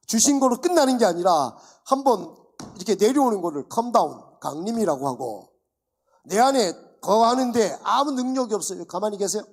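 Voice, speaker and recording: Animated male pastor with a gravelly voice. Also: high voice. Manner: animated preaching with rhetorical questions and acted-out dialogues. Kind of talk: sermon. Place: church.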